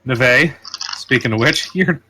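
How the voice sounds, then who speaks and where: A man running a tabletop game as game master, narrating scenes and rulings in an animated, descriptive way. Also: mid-range voice, slow pace, a little hiss or hum.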